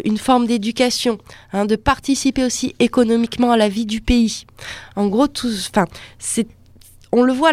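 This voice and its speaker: A woman's voice: fairly high pitch, a little mellow, no room sound. A woman speaking as a guest on a radio show, explaining loosely and with frequent hesitation fillers.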